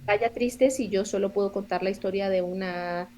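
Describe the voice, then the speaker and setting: A woman in her forties from Colombia, a theatre director and playwright speaking as a podcast guest in a reflective, earnest way, often pausing to search for words. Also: medium pitch, a little mellow, slight background noise. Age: 40s. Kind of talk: podcast interview conversation.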